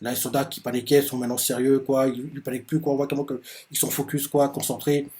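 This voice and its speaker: A man's voice: medium pitch, little pitch movement, quick pace, darkish tone. A man hosting a manga reaction video, chatting casually with loose, rambling enthusiasm.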